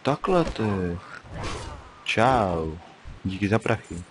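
Low-voiced man chatting over gameplay. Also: lively intonation, low-quality recording. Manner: chatty, mutters to himself while playing. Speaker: gameplay commentator. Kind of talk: casual let's-play commentary. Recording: faint hiss.

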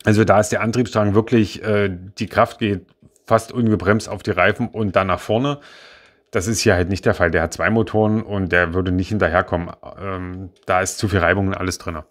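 A man with a somewhat low voice talks through a brick-built car model in a loose, unscripted review. He hesitates often, fills pauses and corrects himself mid-sentence. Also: fairly even intonation. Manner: rambling, hesitant, many fillers and self-corrections. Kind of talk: casual spoken product review.

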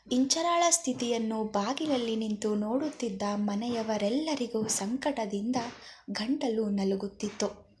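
A woman narrates a spoken story with a high voice. Her reading is measured and emotive. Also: darkish tone, a little hiss or hum.

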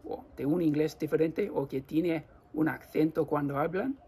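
An Australian man with an Australian accent, explaining everyday phrases to viewers in slow, careful non-native Spanish and repeating his examples. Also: on the high side, warm tone, breathy edge. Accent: Australian English. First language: English. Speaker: language teacher.

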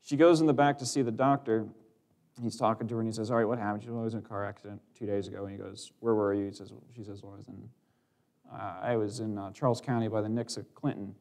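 A man's voice: on the low side, fairly even intonation, quick pace, a little mellow. Rambling man telling a church testimony. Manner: rambling storytelling with restarts and laughs. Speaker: preacher. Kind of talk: sermon with personal testimony.

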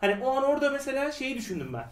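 A man talks in quick, rambling bursts, full of fillers, in a high register. He sits back from the microphone, and the room adds a clear echo. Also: background noise. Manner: animated, rambling with many fillers. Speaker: podcast co-host. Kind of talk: casual review chat. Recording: roomy echo, a bit far from the mic.

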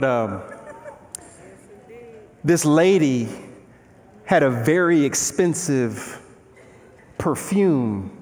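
Moving about a large church stage, a man in his thirties preaches an animated, conversational sermon and fires off rhetorical questions. His pitch is medium, and the hall adds long reverb.

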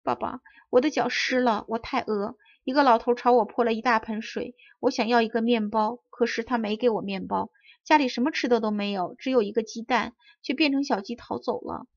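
A woman's voice: fairly high pitch, fairly even intonation, fairly quick, few pauses, dry recording, dull audio, close to an everyday voice. A woman voicing a hungry, pitiful wooden puppet boy who pleads and whimpers, in a storybook reading. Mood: tearful.

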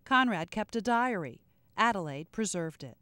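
A woman's voice: medium pitch, lively intonation, normal speed, bright, forceful tone, smooth, no room sound. Woman narrator, very dry sound. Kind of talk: scripted documentary narration. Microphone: close studio voice-over mic.

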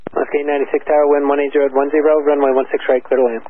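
A man working as an air traffic controller, steady and businesslike with casual asides, heard over a radio transmission with static bursts. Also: mid-range voice, rapid-fire. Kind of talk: radio instructions and chat. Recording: tinny radio with static hiss.

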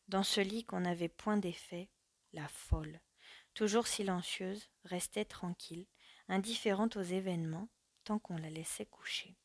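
Grave woman narrating a dark tale. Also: mid-range voice, no room sound. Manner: measured, grave reading with soft hushed passages. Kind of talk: literary audiobook narration.

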